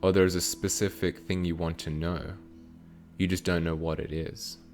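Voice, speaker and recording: A man giving a channeled spiritual teaching with guided meditation, speaking slowly in short, measured phrases. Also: sits low, little pitch movement, darkish tone, faint music behind.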